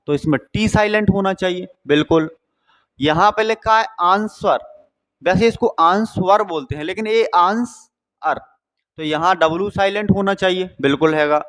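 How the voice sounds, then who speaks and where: A man's voice: high voice, fairly bright tone. A man from India teaching a lesson, explaining step by step and asking and answering his own questions. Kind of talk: classroom lesson.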